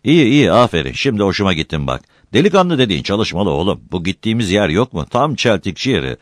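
A man playing a loud, coaxing village landlord. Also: fairly low pitch, big pitch swings, quick pace, no echo, clean studio sound, pitched above the performer's own voice. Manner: loud, coaxing, calls people "ula".

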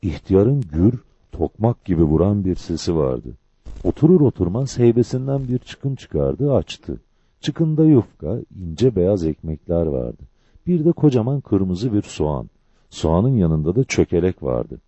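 Brief: male storyteller, deep and very dark, husky, dry and lo-fi. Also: very animated, measured pace, no echo. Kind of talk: scripted story narration.

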